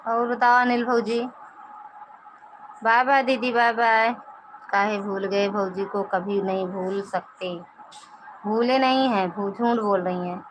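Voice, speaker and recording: A woman's voice: medium pitch, fairly even intonation, slow pace, pauses often, a little hiss or hum, poor audio. A woman with an Awadhi accent chatting casually on a live stream, reading out viewers' comments and teasing them. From Pratapgarh, Uttar Pradesh, India.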